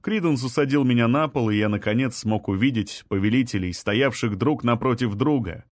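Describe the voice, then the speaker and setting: A man reading a first-person fantasy story in an even, measured way. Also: mid-range voice, no room sound, clean studio sound. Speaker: audiobook reader.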